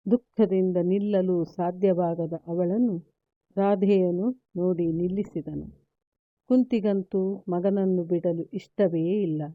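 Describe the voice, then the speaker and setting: A woman narrating an epic story aloud at a slow, deliberate pace as a vlogger. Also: on the low side, no echo. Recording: tinny phone-like, dry.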